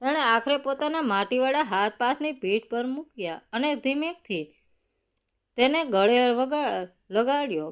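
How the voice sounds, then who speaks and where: A woman narrating a dramatic story in a slow, measured storytelling manner. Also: high-pitched, smooth.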